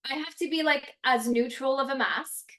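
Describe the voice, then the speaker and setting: This French-Canadian actress has a voice that sits high and moves at a moderate pace. Appearing as a guest in a casual chat, she's animated and expressive and laughs a lot.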